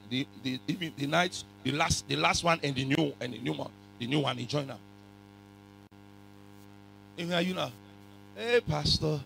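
A man with a West African accent preaching a sermon in a raspy voice, forcefully repeating phrases and questioning his congregation, sometimes in pidgin. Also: on the high side, poor audio. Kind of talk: animated sermon, code-switching into pidgin. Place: church hall full of congregation.

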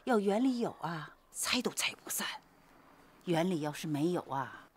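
A woman playing a soft-spoken older mother. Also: fairly low pitch, lively intonation, normal speed, slight background noise, close to an everyday voice. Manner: soft, sighing. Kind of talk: TV drama acting.

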